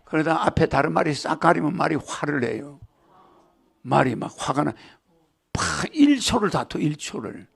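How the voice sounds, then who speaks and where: A man's voice: fairly high pitch, sing-song, moderate pace, gravelly, fairly bright tone, slightly rough. A man giving a lecture to a live audience, rambling and joking, often asking the crowd rhetorical questions. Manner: jokes and laughs with the audience. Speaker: spiritual lecturer.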